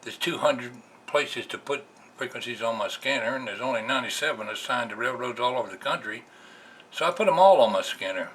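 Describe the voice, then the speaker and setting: An American man with a medium-pitched, slightly bright voice talks in an animated, somewhat quick way, casually explaining things in plain terms like a hobbyist vlogger. He sits at a computer indoors, picked up by a camera's built-in mic, and the amateur recording is noisy.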